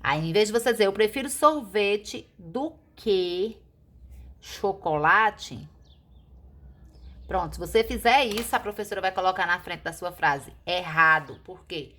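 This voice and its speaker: A woman teacher, explaining a grammar lesson slowly and deliberately, asking questions and answering them herself. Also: mid-range voice, bright, forceful tone. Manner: slow, deliberate explaining, stretching key words; asks and answers her own questions.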